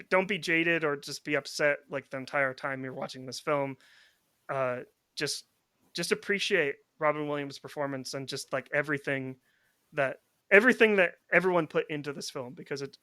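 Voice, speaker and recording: A man with a higher, sharp-toned voice hosts a film podcast, recorded in clean studio quality with no echo. He rambles casually, restarting often and filling his speech with "like."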